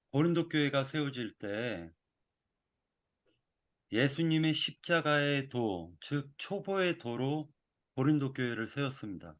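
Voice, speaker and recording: A man delivering a sermon in a measured, reflective way. He often pauses and circles back to rephrase himself. His voice sits at an ordinary middle pitch for a man. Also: a bit bright. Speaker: preacher.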